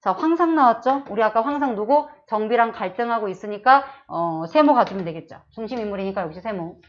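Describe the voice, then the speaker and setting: High-voiced woman teacher, lo-fi sound. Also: lively intonation, brisk. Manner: explains step by step, with frequent checking questions. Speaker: Korean literature teacher. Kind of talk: online exam-prep lecture.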